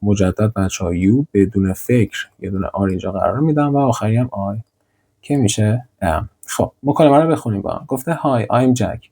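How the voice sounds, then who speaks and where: A young man teaching an English grammar lesson with slides, drilling sentences slowly and repeating them. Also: lowish voice, expressive, mellow, breathy edge. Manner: slow, deliberate model sentences, repeating drills.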